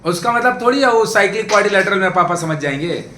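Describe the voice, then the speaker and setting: Speaking quickly in an animated, high voice, a man teaches a math class and keeps checking that everyone follows, chatting as he goes. A crowd can be heard in the background, and the echoey classroom carries faint background noise.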